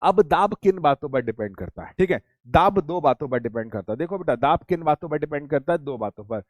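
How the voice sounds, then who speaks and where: Dry, higher-pitched male physics teacher. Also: lively intonation, brisk, no room sound. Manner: repetitive, quizzing students with call-and-response questions; addresses students as beta and bachhe. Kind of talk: online class lecture.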